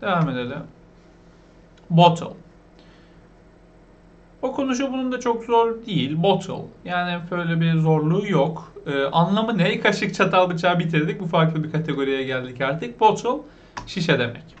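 A man with a Turkish accent teaching beginners English vocabulary, asking questions and repeating each word slowly. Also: high voice, expressive, muffled recording. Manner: asks the viewers questions, repeats the words slowly.

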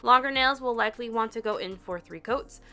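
Young woman, polish reviewer; chatty, upbeat voice-over, fairly high voice. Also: brisk, bright, forceful tone, faint music behind. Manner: giggles at her own slips. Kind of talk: scripted product review voice-over.

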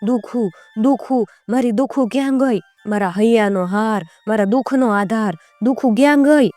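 A woman's voice: a little fast, mellow, no echo, faint music behind, natural voice. A woman voicing a frantic village mother. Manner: high, crying out. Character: frantic, wailing mother calling for her lost daughter.

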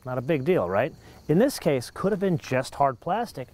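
Lively man reviewing a car. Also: fairly high pitch, moderate pace. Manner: lively, emphatic, talks with his hands. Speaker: car show host. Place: driving a car and standing outdoors by a marina. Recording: road and outdoor noise behind.

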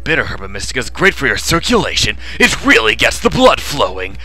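A man voicing an eager, easily flustered young student adventurer from a video game, in an expressive, dramatic and casual way. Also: medium pitch, a little fast, soft background music, heavily acted. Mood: quiet, earnest. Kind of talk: acted video game dialogue reading.

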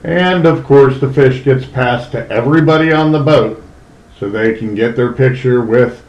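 A middle-aged man, a fishing charter captain, telling what happens on his trips in a relaxed voice-over. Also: mid-range voice, roomy sound, lo-fi sound. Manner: slow, easygoing storytelling. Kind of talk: voice-over narration.

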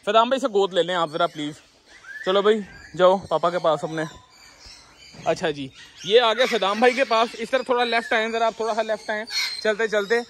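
High-pitched excited man vlogging. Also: normal speed. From Pakistan. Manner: excited, chatty, addresses viewers directly. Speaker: vlogger host. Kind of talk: casual walkthrough vlog. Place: large outdoor bird aviary. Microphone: phone camera held at arm's length. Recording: noisy outdoor phone recording. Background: birds squawking.

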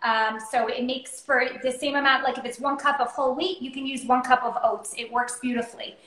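High-voiced woman chatting in a kitchen. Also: steady tone, fairly quick, fairly bright tone. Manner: chatty, explanatory, many fillers. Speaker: cooking show co-host. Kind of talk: casual cooking chat. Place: home kitchen, indoors. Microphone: video call, laptop or phone camera. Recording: roomy echoey kitchen.

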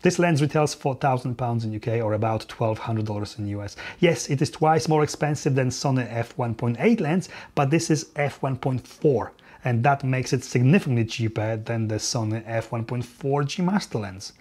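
A man's voice: mid-range voice, normal speed, darkish tone. A man presenting a camera lens review to camera, upbeat, with informal asides and a few fillers.

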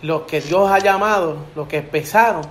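A man with a high, bright voice tells faith stories in a lively, preachy way. He sounds like he is in an echoey room, with a faint hiss underneath. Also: moderate pace. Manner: animated storyteller, preachy, acts out quotes. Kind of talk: casual faith testimony chat. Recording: echoey room with background noise.

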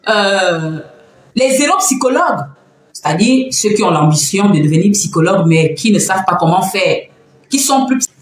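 A woman hosting a casual live stream from home, talking in an animated, teasing way and laughing often. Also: mid-range voice, normal speed. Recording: very echoey room, faint background noise.

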